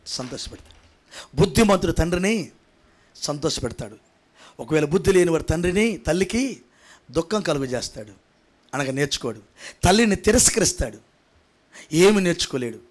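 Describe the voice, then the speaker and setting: High-voiced pastor preaching emphatically. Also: male voice, lively intonation, normal speed, pauses often. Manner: emphatic, repetitive preaching, swinging from quiet to shouted. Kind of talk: sermon. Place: church prayer hall.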